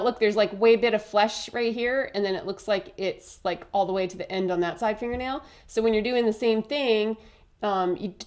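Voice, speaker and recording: A young woman chatting her way through a face painting tutorial, upbeat and a little hoarse. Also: medium pitch. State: slightly hoarse.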